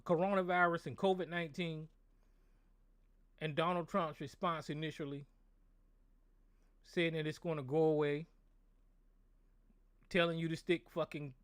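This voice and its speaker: A middle-aged American call-in show host launches into an angry, profane political rant, repeating the same points and tripping over his words. His voice is hoarse and somewhat high. The sound is close and dry, with no echo.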